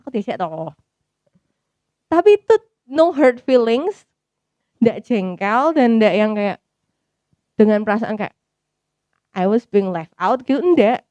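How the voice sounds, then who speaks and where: A woman's voice: fairly high pitch, expressive, slow, long pauses, darkish tone, no room sound, highs cut off. A woman with a Javanese accent giving a personal church testimony in a chatty way, dropping English phrases in and acting out her own thoughts. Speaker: testimony speaker at a youth service.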